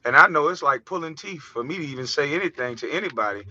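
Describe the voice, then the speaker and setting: A man from the United States speaks in a hard, very bright voice with a touch of lift in his pitch. He rants in a heated, preachy, profane monologue. The recording is dry and a bit dull. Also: animated, quick pace, no echo. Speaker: vlogger. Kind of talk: impassioned monologue.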